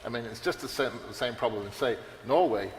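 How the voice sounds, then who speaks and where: A man with a medium-pitched voice speaks fairly quickly on a conference panel in a large, echoey hall. His unscripted remarks ramble, full of fillers and restarts. The recording has roomy hall reverb and faint background noise.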